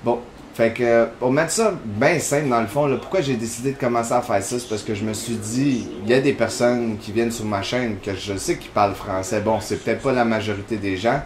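A man's voice: mid-range voice, a little fast, echoey room, a little hiss or hum. A man with a Quebec French accent, hosting casual gameplay commentary in a chatty, rambling way full of fillers. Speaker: gaming channel host.

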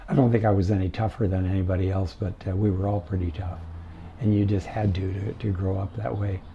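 Halting older man with a low voice. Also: steady tone, highs cut off, slight background noise. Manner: halting, many uh fillers. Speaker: interviewee. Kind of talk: casual storytelling.

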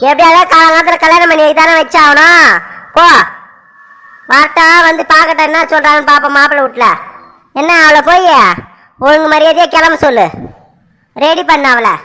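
A woman's voice: sits high, steady tone, brisk, pauses often, bright, forceful tone. A woman playing a bossy stern father. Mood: commanding. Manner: gruff, bossy orders. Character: stern middle-aged father, commanding and harsh. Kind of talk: amateur family drama acting.

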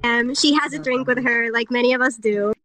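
A woman's voice: fairly high pitch, fairly even intonation, a little fast, bright, forceful tone, rough recording. A woman co-hosting an online event, relaying comments from the chat in a casual, chatty way. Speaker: co-host reading chat comments. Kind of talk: casual live-stream chat.

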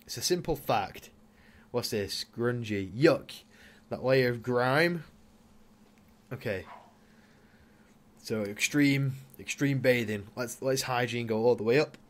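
A chatty young gaming YouTuber with a medium-pitched voice provides casual Let's Play commentary, talking to his Sim as he plays and breaking into loud exclamations.

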